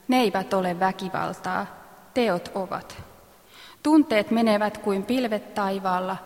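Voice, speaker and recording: A woman reading parenting advice aloud in a measured, instructive manner, clearing her throat now and then. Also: medium pitch, long reverb tail. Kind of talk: read-aloud advice text.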